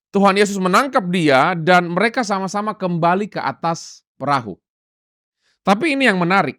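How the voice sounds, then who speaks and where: A man's voice: on the high side, sharp tone, no echo, clean studio sound. A male pastor preaching a sermon emphatically and repeatedly calling out to the congregation.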